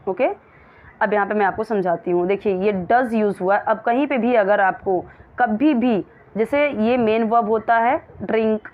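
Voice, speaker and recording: A woman teaching English in Hindi, reading example sentences slowly and explaining each word. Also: mid-range voice. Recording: dull lo-fi recording.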